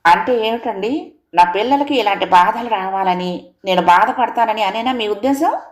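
A sharp-tongued young daughter-in-law who complains in a high, raised voice, as a woman narrator puts her on. The reading has the echo of a bare room, like a storybook audio play. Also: fairly quick, lightly acted. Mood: resentful.

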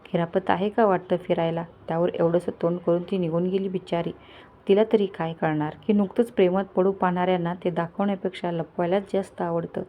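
A woman's voice: fairly low pitch, fairly even intonation, brisk, mellow. A woman reading a family story aloud as a scripted narration, voicing the characters' lines herself. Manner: reads all characters' dialogue in a lightly shifted voice.

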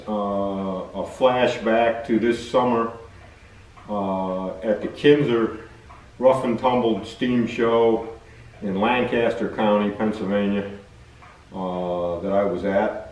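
Older male shop owner, low voice, hesitant, lots of uh's; roomy workshop, camera at a distance. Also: darkish tone. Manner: halting, many uh fillers, easygoing. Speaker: machine shop owner and video host. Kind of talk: casual talk to camera. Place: large old machine shop, indoors. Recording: roomy shop sound, away from mic.

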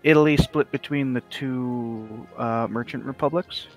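Male gamer host, casual multiplayer chat, thinks aloud and explains game mechanics in an ordinary mid-pitched voice. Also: measured pace, soft background music. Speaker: strategy game player and channel host.

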